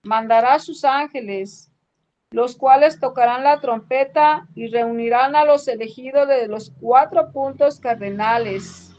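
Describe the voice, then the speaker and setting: A woman with a Mexican accent reading scripture aloud slowly and carefully in a Bible study class. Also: sits high, darkish tone. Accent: Mexican Spanish. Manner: slow, careful reading with pauses. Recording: dull lo-fi sound.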